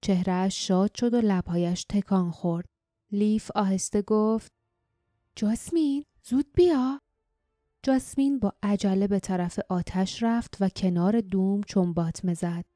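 Woman narrating an audiobook in a mellow voice. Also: medium pitch, no echo, clean studio sound, soft background music. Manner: steady, measured storytelling.

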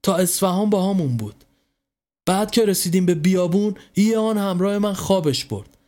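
A man's voice: high-pitched, expressive, mellow, pitched above the performer's own voice. A man voicing an apologetic, earnest ambulance officer in a narrated horror story.

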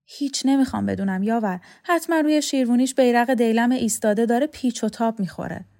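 A woman's voice: on the high side, darkish tone, pitched above the performer's own voice, close to an everyday voice. A woman reading the part of a practical, curt woman in an audiobook.

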